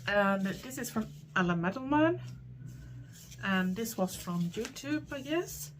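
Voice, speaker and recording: A middle-aged woman from Sweden with a Swedish accent, talking in a chatty, rambling way with frequent pauses. She answers viewer questions for her own channel. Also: fairly high pitch, expressive, slight background noise. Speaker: vlogger. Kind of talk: casual Q&A chat to camera.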